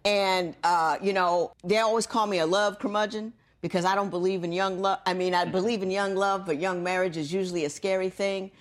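A woman from Ohio presiding as a court show judge, questioning a couple in an animated, expressive way. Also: fairly quick, hardly any pauses. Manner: animated, expressive, swoops up high when excited.

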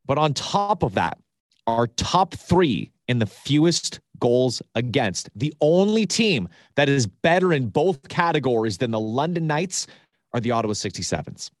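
A man's voice: medium pitch, sing-song, measured pace, no room sound, studio quality. A man co-hosting a hockey podcast, talking scoring stats with enthusiasm and a few stammered restarts. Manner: enthusiastic, stat-heavy, some stammering restarts. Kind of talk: casual sports chat.

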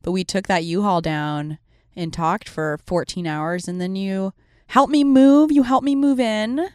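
A woman's voice: mid-range voice, a little slow, darkish tone, clear, resonant tone, no echo, clean studio sound. A woman in her thirties, a podcast guest, talking animatedly and laughing at her younger self. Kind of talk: casual chat.

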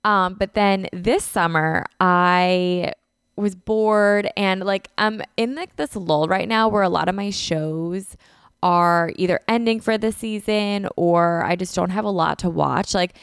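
Speaking at a measured pace in a smooth, lowish voice, a congested woman in her twenties hosts a casual solo podcast, chatty and heavy on "like" and "um." She records at home on a podcast mic, indoors in a beach house living room. The sound is clean studio audio with no echo.

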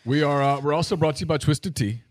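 A man's voice: fairly high pitch, fast talker. A man co-hosting a show, reading a scripted sponsor advertisement. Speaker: co-host reading sponsor spot. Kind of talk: scripted ad read.

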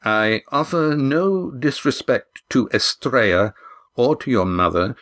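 A man narrator voicing a haughty man whose formal politeness is edged with insult, speaking deliberately in an audiobook. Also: mid-range voice, animated, a bit bright.

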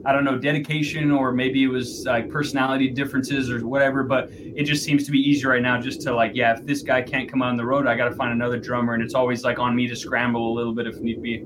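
A man giving a casual interview as a musician, rambling and thinking aloud with halting phrasing. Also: mid-range voice, flat delivery. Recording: clear background noise.

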